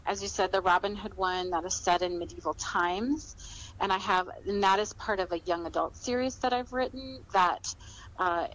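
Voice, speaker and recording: Speaking as an author in a podcast interview, a woman with an American accent explains herself calmly and conversationally. Her pitch is medium and a little bright, though the recording quality is rough.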